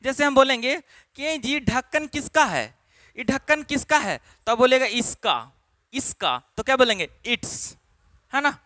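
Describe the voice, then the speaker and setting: High-voiced, emphatic male teacher drilling a class. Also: expressive, sharp tone, dry recording, studio quality. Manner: repeats questions to drill students; emphatic, stretches key words slowly. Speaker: English teacher. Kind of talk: classroom lesson in Hindi.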